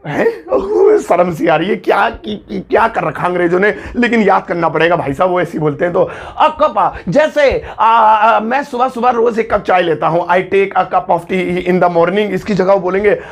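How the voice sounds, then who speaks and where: High-voiced playful Indian teacher. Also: male voice, expressive, gravelly. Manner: playful, jokey, stretches out example words slowly. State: voice tiring, sips tea to keep it going. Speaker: English teacher. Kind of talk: casual video lesson.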